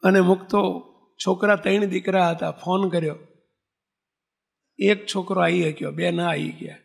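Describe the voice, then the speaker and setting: A man's voice: high-pitched, fairly even intonation, normal speed, vocal fry. A man telling a sacred story in a devotional discourse, acting out the characters and putting questions to his listeners. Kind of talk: Gujarati devotional katha discourse.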